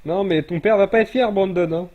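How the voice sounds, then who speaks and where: Over voice chat during a casual game stream, a man with a fairly high, quick voice teasingly lectures a player like a stern parent. The audio has its highs cut off.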